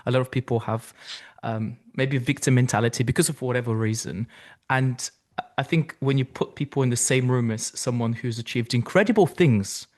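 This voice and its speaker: A male podcast host, reflective and curious as he asks probing questions. His voice sits in a mid range, and he speaks at an even conversational pace. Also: mid-range voice, a little fast. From Bulgaria. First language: Bulgarian. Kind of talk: interview conversation.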